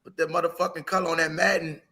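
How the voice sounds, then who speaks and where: Blunt, bright-voiced man chatting. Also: fairly high pitch, little pitch movement, fast talker, husky. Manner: profane, blunt opinions. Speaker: debate panelist. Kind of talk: casual chat.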